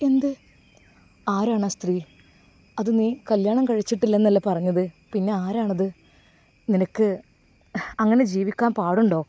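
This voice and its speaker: A woman's voice: mid-range voice, dark tone, no echo, natural voice. A woman voicing a kind, earnest young man who protects his brother's widow, with a Malabar Malayalam accent. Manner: earnest, firm and reassuring.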